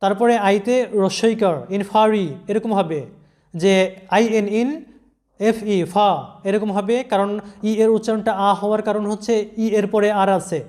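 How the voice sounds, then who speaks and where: A man's voice: sits high, steady tone, moderate pace, darkish tone. A man teaching English pronunciation in an online lesson, patiently spelling out words letter by letter.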